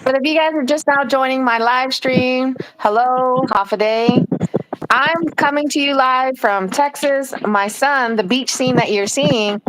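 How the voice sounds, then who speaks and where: High-voiced middle-aged woman, live streaming. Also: unhurried, fairly bright tone, slight background noise, rough recording. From Guam. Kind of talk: casual live stream chat.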